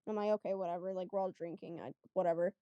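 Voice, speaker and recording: A woman's voice: lowish voice, steady tone, quick pace, no room sound, highs cut off. A woman telling a podcast interviewer a personal story in a casual, chatty way, acting out what people said. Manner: chatty, lots of fillers, acts out quotes. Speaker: guest.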